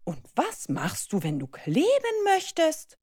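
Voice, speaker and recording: A woman voicing a mother gently questioning her little son, in a storybook reading. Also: high voice, huge pitch swings, slow pace, no room sound, clean studio sound, voice pushed up, exaggerated voice.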